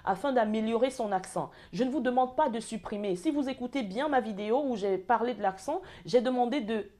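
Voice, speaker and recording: A woman's voice: fairly high pitch, fairly quick, mellow. A woman with an accent, a former recruiter, giving earnest advice to call center workers straight to camera, with frequent fillers and restarts. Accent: speaks with an accent of her own. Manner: earnest, lecturing, speaks to the viewer as "tu". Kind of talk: direct-to-camera advice vlog.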